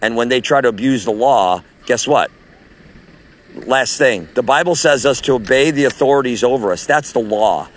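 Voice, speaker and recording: This street preacher has a loud, medium-pitched voice and keeps a moderate pace. He's recording a phone message as he walks around an outdoor farmer's market, preaching with forceful rhythm.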